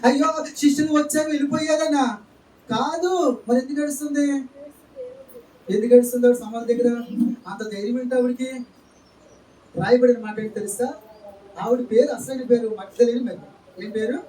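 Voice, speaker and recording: A man's voice: extremely high pitch, steady tone, brisk, long pauses, dark tone, a little hiss or hum. A male pastor preaching a church sermon, peppering it with rhetorical questions and calls of amen and hallelujah. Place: church hall. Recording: echoey church, distant mic, faint ambience.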